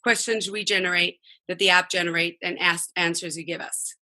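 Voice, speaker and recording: A woman's voice: fairly low pitch, steady tone, fairly quick, pushed and bright. A woman from Israel, a guest on a podcast, explaining her work with some restarts. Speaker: guest, app founder. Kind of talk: interview answers.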